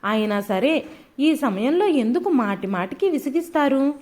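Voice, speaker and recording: A scolding young daughter-in-law in an audio storybook, sharp and sarcastic, as a woman narrator puts her on. The voice sits high and leaps around in pitch. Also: lively intonation, unhurried. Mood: angry scolding.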